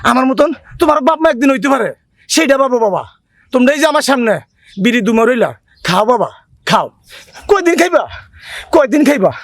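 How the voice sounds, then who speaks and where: Guy playing a heartbroken old dad, pleading and high voice. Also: no room sound. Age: older. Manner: pleading, reproachful. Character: grieving elderly father scolding his son's friends. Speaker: actor. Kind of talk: television drama acting.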